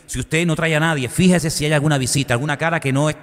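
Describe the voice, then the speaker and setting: Pastor preaching casual style, tons of questions, echoey church hall. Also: male voice, a little high, fast. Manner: conversational, animated preaching with rhetorical questions. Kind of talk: sermon.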